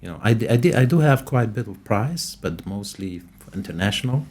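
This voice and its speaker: A man's voice: lowish voice, expressive, brisk, a little mellow. A man with a Moroccan accent, a native speaker of Moroccan Arabic, answering as a scientist guest in a conversational interview. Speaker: podcast guest, scientist and professor.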